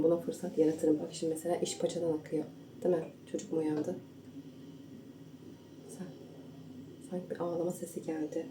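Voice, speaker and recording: A woman's voice: on the low side, far from the mic. A young woman chatting to viewers while she cooks at home, now and then keeping her voice down for a sleeping family. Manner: hushed at times so as not to wake her husband and baby. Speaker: home cooking vlogger. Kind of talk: casual kitchen vlog chat. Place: home kitchen. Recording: roomy kitchen echo, camera set back, household noise.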